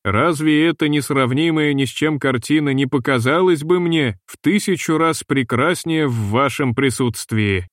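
A man reading the part of a young ship captain who asks brisk, impatient questions, in a dry recording. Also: a little high, no room sound, natural voice. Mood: teasing.

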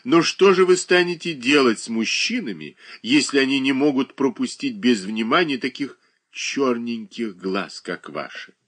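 A man voicing a capricious, childish young married woman who whines and pouts in a high, drawn-out voice. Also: lively intonation, a bit bright. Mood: whiny coquettish.

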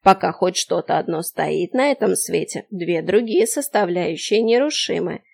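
A woman voicing a nosy, drowsy old shopkeeper woman who speaks slowly and dismissively in a creaky, mumbling voice. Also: lowish voice, expressive, darkish tone, heavily acted. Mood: unhurried. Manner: slow, unhurried and dismissive. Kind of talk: audiobook character voice.

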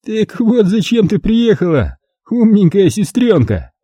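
A man voicing a spiteful, coarse middle-aged alcoholic brother in a slow drunken drawl. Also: fairly high pitch, big pitch swings, dark tone, slightly rough, no room sound, heavily acted.

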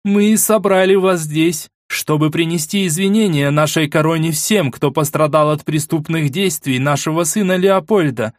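A man's voice: fairly high pitch, moderate pace, no room sound, clean studio sound, voice pushed up, natural voice. A man voicing a cold, iron-willed middle-aged queen who speaks sternly and with command. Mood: formal address.

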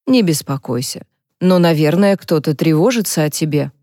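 A gentle older mother, read by a female narrator, speaks in a soothing, caring tone. Her voice sits low for a woman, and it is recorded dry and close. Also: animated, moderate pace, no echo.

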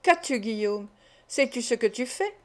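A woman's voice: fairly high pitch, expressive, normal speed, close to an everyday voice. A woman reading the part of a desperate young woman who pleads insistently to be let go, for an audiobook. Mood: pleading.

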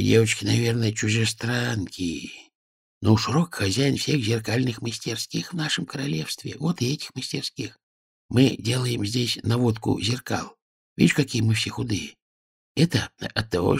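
A man voicing a hunched, weary old male worker who speaks quietly and sorrowfully. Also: mid-range voice, gravelly, husky, no room sound, studio quality, voice pushed up.

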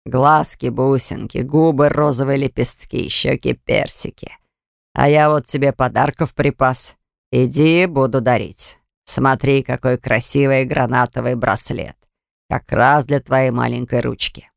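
A narrator voicing a pompous, boastful older rich man who talks down to people, in a slow, lowered, gravelly voice. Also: fairly even intonation, no echo, clean studio sound. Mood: fawning. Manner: boastful, patronizing. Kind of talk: audiobook character voice.

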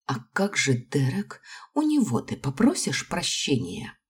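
A woman reading the part of a jealous, furious young woman who hisses through her teeth and breaks into shouts. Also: sits low, wildly swooping pitch, unhurried, breathy edge, full character voice. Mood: tearful.

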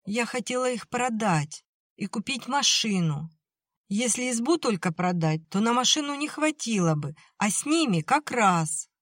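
A tearful, high-strung young girl, as a woman narrator puts her on, pleading and defiant by turns in a voice lifted well above the reader's own. Her words come out strained and choked. The recording is close and completely dry. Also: animated, measured pace, a bit bright, dry recording.

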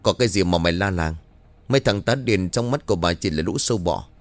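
A man's voice: low-pitched, fast, no room sound, natural voice. A man voicing a cruel, arrogant middle-aged landlady who scolds with hissing contempt. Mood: scornful.

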